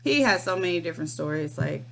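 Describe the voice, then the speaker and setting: Casual woman storyteller, amused and wry, quick to laugh. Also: fairly low pitch, expressive, vocal fry, a bit bright. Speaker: storyteller vlogger.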